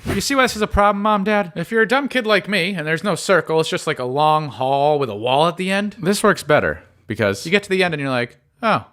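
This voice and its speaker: A young man spins a comic story for his viewers, full of playful asides and exaggerated reactions. His voice sits a little high and swoops lively up and down. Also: quick pace. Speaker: YouTube storyteller. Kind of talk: animated story-time narration.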